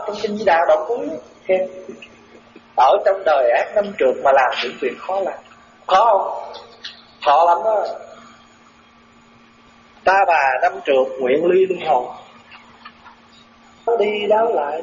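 A man gives a Buddhist dharma talk in a slightly high voice. He explains terms slowly and keeps asking his listeners questions. The recording is echoey, dull and lo-fi, with faint noise underneath. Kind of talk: sermon.

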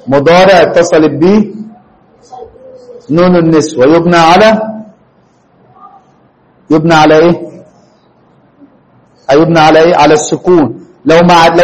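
Grammar teacher, male, Egyptian Arabic accent, high-pitched voice, drills the class with rapid questions. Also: rough recording. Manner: questioning, prompts students for answers. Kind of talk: classroom lesson.

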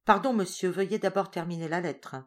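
A woman's voice: lowish voice, brisk, natural voice. A woman voicing a firm, formal notary. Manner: polite but insistent.

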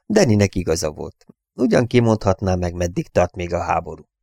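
A man with a low, gravelly voice reads a novel aloud at a calm, even pace. The recording is close and dry, with no room sound. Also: dry recording. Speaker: audiobook reader. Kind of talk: audiobook narration.

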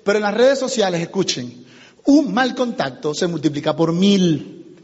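Male business trainer, lively seminar delivery, hoarse edge, reverberant hall recording. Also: high-pitched, moderate pace, dull audio. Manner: animated, addresses the audience, acts out conversations. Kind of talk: motivational seminar talk.

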